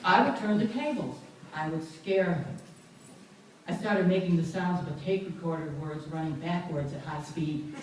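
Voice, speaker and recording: A woman reading a memoir aloud at a book launch event, with lively, amused storytelling. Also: fairly low pitch, normal speed, slight background noise. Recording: echoey room, far from mic.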